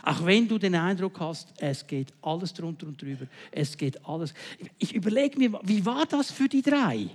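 High-voiced guy preaching, goes big and loud then drops way down quiet, keeps checking in w the listener. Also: animated, normal speed, hardly any pauses, husky, in a large hall. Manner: dramatic swings between loud emphasis and quiet low passages; speaks directly to the listener with checking questions. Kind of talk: sermon.

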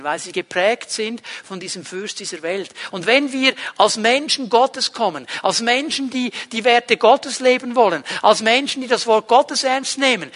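A man's voice: high-pitched, bright, forceful tone. A man preaching a sermon, talking to his listeners directly and with emphasis. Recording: long hall reverb.

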